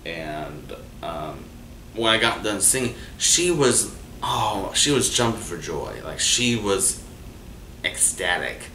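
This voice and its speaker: Low and slow, a male host recounts his own stories in a loose, casual monologue packed with fillers and restarts, growing animated when he quotes people. The audio comes from far off in an echoey room with some faint noise.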